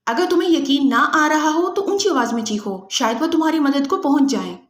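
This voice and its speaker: A woman's voice: sits high, lively intonation, reverberant. A woman doing a sneering, ruthless female agent. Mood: sarcastic menace. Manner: mocking, sarcastic, menacing. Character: ruthless female agent, cold and sarcastic torturer.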